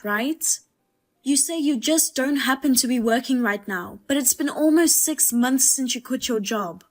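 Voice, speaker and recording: A woman with a high voice who tells a storybook drama as the wife and narrator. She talks in a calm, measured and firm way.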